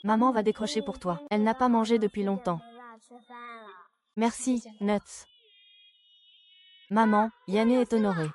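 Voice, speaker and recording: A woman's voice: mid-range voice, measured pace, pauses often, natural voice. A woman dubbing dialogue for a family drama with an emotional delivery. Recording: loud crowd noise behind.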